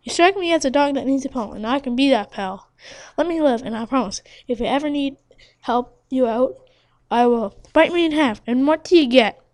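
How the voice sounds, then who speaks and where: A woman voicing a small flea in a storybook, talking fast and bargaining persuasively. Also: high-pitched, lively intonation, a little mellow, no echo. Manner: rapid, wheedling bargaining. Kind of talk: storybook read-aloud.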